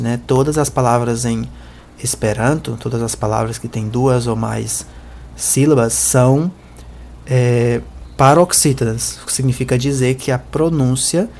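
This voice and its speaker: A man walks through an Esperanto vocabulary lesson. He reads each example word and sentence slowly and carefully, then explains it in a patient, explanatory way. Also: mid-range voice, gravelly, a little mellow. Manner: explanatory, slow careful pronunciation of example words. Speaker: Esperanto teacher. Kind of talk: language lesson, reading example sentences and translating.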